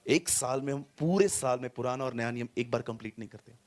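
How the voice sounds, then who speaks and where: An animated male pastor preaches to a congregation in a church hall. He swings from loud, pressing lines to soft, low asides and drops English words into his speech. His pitch sits in the middle range. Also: a little fast. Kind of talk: sermon.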